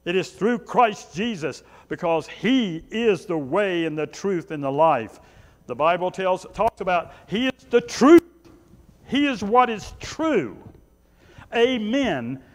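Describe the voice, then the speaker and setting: In a small church sanctuary, a pastor in his sixties preaches slowly in a fairly high male voice with lively intonation. He hammers points home with short, repeated phrases before slipping into conversational asides, and the room adds a long reverb.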